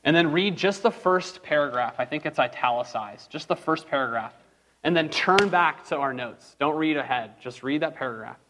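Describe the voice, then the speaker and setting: A man teaching a church group in a relaxed, conversational way, with lots of fillers and quick asides. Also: on the high side, slight background noise. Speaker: pastor teaching a class. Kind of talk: casual sermon-style teaching.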